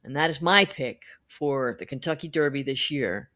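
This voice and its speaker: A woman co-hosting a podcast in casual chat, wry and quick to laugh, swearing offhandedly. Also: very deep voice, lively intonation, fairly bright tone. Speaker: podcast co-host.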